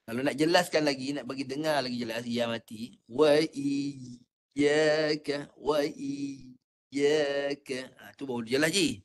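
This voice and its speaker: A man with a Malaysian Malay accent teaching Quran recitation in an online class, patient and coaching, demonstrating sounds slowly. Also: medium pitch, slight background noise.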